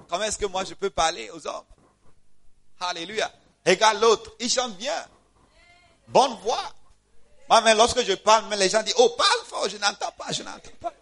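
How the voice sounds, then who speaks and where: A man preaches in a church with a high, bright voice. He calls out to his congregation and swings between loud emphatic cries and hushed asides. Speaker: pastor. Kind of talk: church sermon.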